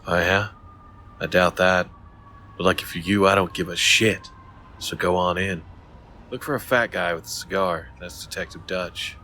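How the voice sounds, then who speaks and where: An actor playing an indifferent, condescending, flippant police officer in a video game. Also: male voice, deep voice, steady tone, moderate pace, pushed and bright, a little hiss or hum. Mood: bored, dismissive. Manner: flippant, dismissive.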